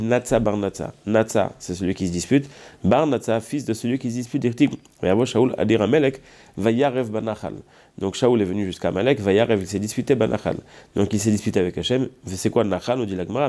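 Fast-talking man teaching a Talmud lesson. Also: fairly low pitch, warm tone. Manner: reads Hebrew and Aramaic passages, then explains them in French; thinks aloud with frequent hesitations.

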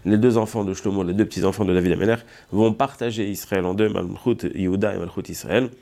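A man with a low, dark, mellow voice teaches a Talmud study lesson at a brisk pace. He reads out Hebrew and Aramaic passages and then explains them, pausing on fillers as he works through the argument. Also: fairly even intonation, vocal fry. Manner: thinks aloud with frequent hesitations.

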